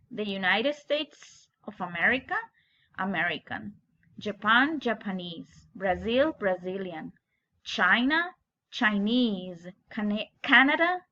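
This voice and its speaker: Woman, English teacher, slow delivery, bright voice, dull lo-fi audio. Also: mid-range voice. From Colombia. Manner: reads English words, then translates into Spanish. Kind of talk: slow explanatory lesson walkthrough.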